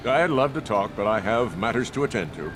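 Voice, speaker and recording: An actor playing a self-important, busy town mayor in a video game, pompous and dismissive. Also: male voice, on the low side, animated, brisk, close to an everyday voice.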